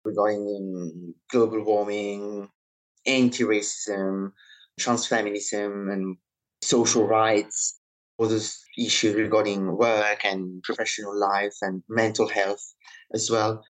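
Talking slowly with a flat delivery, this lowish-voiced man from Italy is a guest in a conversational interview, speaking reflectively. He's in his thirties, not a native English speaker, and knows Italian, French and Mauritian Creole. The recording quality is low.

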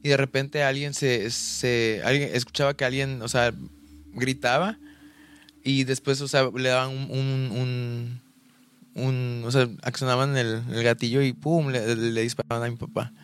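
A man's voice: medium pitch, flat delivery, unhurried, a little hiss or hum. Hesitant young man chatting casually. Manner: hesitant, many restarts and fillers. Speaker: podcast co-host. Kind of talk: casual chat.

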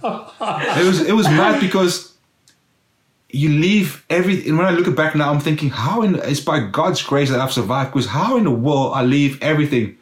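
This interview guest, a middle-aged former footballer from South Africa whose first language is Afrikaans, narrates his life story at normal speed in a voice on the high side. He acts out his past self with exclamations, and the recording echoes around the room.

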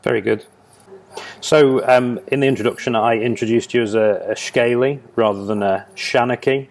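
A man's voice: mid-range voice, fairly even intonation, normal speed. A man interviewing a guest in a conversational way.

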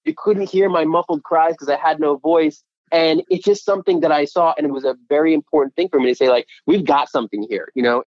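A man who co-owns a restaurant, telling stories in an interview in a lively way and laughing easily. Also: on the high side, fast, no room sound, dull audio. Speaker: restaurant co-owner. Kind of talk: interview storytelling.

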